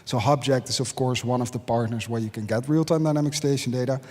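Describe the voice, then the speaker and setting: A man's voice: mid-range voice, fairly even intonation, fast talker, a little mellow. A man speaking as a conference panelist, direct and emphatic, repeating his key point. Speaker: panelist, company CEO. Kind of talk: panel answers. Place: large conference hall. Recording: conference hall reverb.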